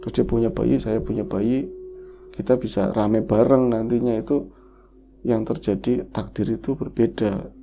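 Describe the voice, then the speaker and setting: A man's voice: lowish voice, steady tone, moderate pace, vocal fry, warm tone, slight background noise. A man hosting a horror podcast, emotionally retelling a listener's tragic story in the first person.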